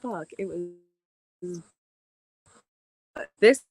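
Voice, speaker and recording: A woman's voice: fairly low pitch, darkish tone, low-quality recording. A woman chatting casually and jokily while walking a historic site outdoors, filmed on a handheld phone. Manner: chatty, joking, quick to tease. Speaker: vlogger. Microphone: handheld phone camera.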